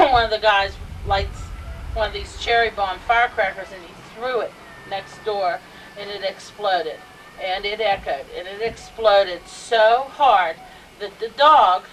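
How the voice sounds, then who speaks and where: An older woman with a mid-range, pushed and bright voice tells funny stories at a family gathering indoors in a house, laughing through them as casual anecdotes. It's a home video with faint background noise, captured from a little distance.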